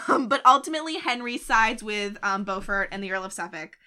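A woman co-hosting a podcast tells history in a loose, chatty way, laughing often and slipping into quick voiced asides for the people she describes. Her voice is bright and clear, sitting in a middle register. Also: medium pitch, lively intonation. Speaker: podcast co-host telling history. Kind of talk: casual chat.

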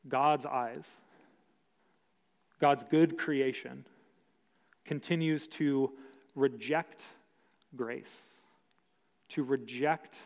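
A man preaching a sermon as pastor, slow and emphatic with long pauses. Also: medium pitch, creaky, darkish tone. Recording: dull sound with long hall reverb.

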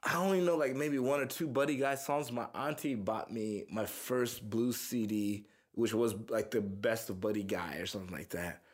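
A young man from the Houston, Texas area is interviewed as a musician, talking casually and profanely as he rambles through stories. His fairly low voice runs at normal speed with hardly any pauses. He comes across relaxed.

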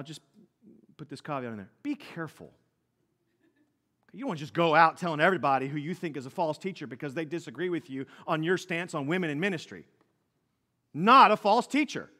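A man in his thirties preaching a sermon as pastor, earnest, going from loud emphasis to quiet tender asides. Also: a little high. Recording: long reverb of a hall.

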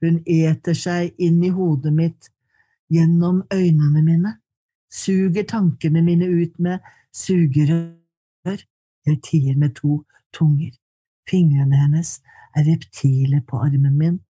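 A woman reading her poetry aloud in slow, measured lines, then answering questions in conversation. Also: low-pitched, steady tone, dark tone, slightly rough. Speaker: poet and guest.

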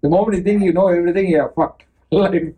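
A man's voice: high-pitched, fairly even intonation, a little fast, dark tone, slightly rough, rough recording. A man co-hosting a podcast in casual chat, laughing often and groping for words. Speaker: podcast co-host.

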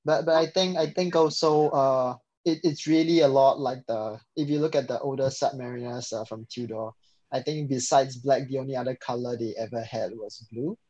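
Singapore guy, friendly and steady, medium voice, slightly muffled. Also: medium pitch, moderate pace. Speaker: guest. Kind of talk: casual group chat.

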